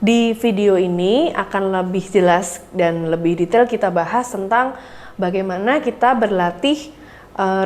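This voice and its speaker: A woman vocal coach giving an online singing lesson. She speaks to learners in a friendly way with many "eh" fillers, and between explanations she sings scales and warm-up syllables. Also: medium pitch.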